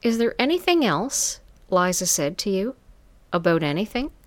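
A woman voicing a sultry grown woman who runs a phone business, speaking smoothly and coaxingly. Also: mid-range voice, sing-song, moderate pace, no echo, pitched above the performer's own voice, lightly acted. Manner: smooth, coaxing, calls people dear.

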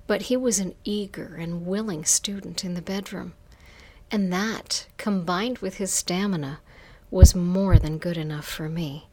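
Slow, low-voiced woman reading a story. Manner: soft, unhurried, slipping into whispers. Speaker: story narrator. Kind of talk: reading an erotic story aloud.

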